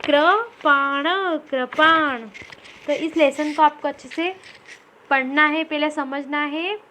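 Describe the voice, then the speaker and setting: Slow, high-voiced woman teaching phonics. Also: fairly even intonation, sharp tone, a little hiss or hum. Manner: repeats each word twice, syllable by syllable. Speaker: primary school teacher. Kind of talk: slow phonics lesson for children.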